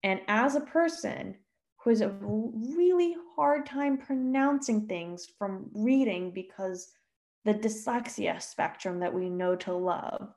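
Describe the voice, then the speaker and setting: Woman podcast co-host, slow and gravelly, rambling and self-deprecating. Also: mid-range voice, darkish tone. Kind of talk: casual history podcast chat.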